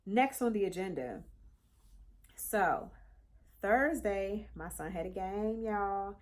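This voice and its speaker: A middle-aged woman vlogging casually to her viewers, chatty and animated, slightly congested, calling them y'all. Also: medium pitch, slow. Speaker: crochet vlogger. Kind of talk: casual chat to camera.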